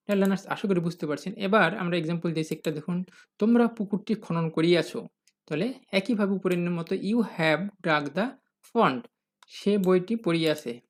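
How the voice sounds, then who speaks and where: A patient English grammar teacher giving a recorded lesson. The teacher asks questions and answers them, addresses the viewers as learners, and reads example sentences slowly. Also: mid-range voice.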